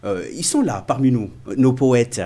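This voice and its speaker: A man's voice: mid-range voice, expressive, normal speed, dark tone, breathy edge. A man hosting a radio interview, formal and full of hesitations. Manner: frequent hesitations, formal address. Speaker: radio host.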